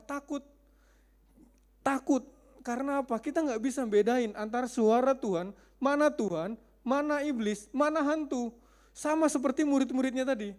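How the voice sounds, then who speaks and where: A man's voice: very high voice, a little mellow. A male preacher giving a conversational sermon, often putting questions to his congregation.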